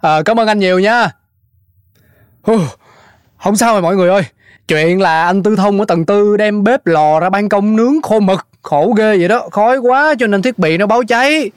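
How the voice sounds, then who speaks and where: A middle-aged man plays a fussy, joking apartment building manager who is quick to panic. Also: high-pitched, clear, resonant tone, no echo, clean studio sound, natural voice. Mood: relieved. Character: fussy older male building manager, jokey.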